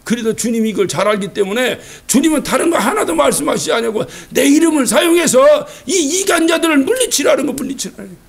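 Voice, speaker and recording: A male pastor preaches a Sunday sermon with a strikingly high voice that swings up and down through wide, lively pitch. His tone is gravelly and husky, and he keeps asking rhetorical questions and acting out quotes. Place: church sanctuary.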